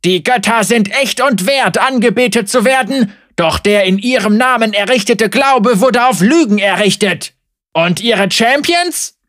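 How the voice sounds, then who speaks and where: A man voicing a young, ragged male heretic preacher who accuses and rails loudly at a crowd. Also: sits high, slow, vocal fry, hardly any pauses, no room sound, clean studio sound, pitched above the performer's own voice, exaggerated voice. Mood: fervent. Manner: impassioned, accusing, loud preaching. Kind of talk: audiobook character voice.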